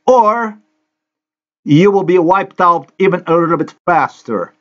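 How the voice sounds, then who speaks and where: A man's voice: sits high, a little slow, fairly bright tone, lo-fi sound. A man from Slovenia, a native Slovenian speaker, giving an angry, accusatory, repetitive monologue over a screen recording.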